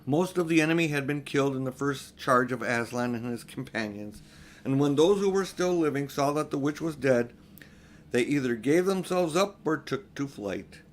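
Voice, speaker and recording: An older man reads a children's story aloud in an expressive, unhurried, homely way, with informal asides. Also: mid-range voice, a little hiss or hum. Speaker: audiobook reader.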